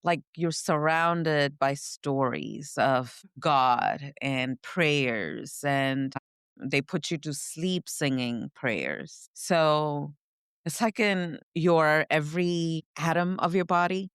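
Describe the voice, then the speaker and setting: A woman from India, a podcast co-host reflectively recounting her upbringing, often pausing to search for words. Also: sits low, clear, resonant tone, dry recording, clean studio sound. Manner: reflective, searching for words, frequent "you know". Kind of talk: personal storytelling in conversation.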